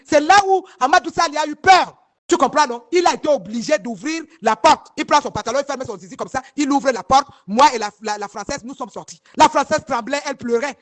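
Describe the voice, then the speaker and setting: A woman from northern Cameroon, giving heated first-person testimony straight to her viewers, emphatic and rambling, often repeating herself and asking if they follow. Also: high voice. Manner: emphatic and rambling, with many repeated words and restarts.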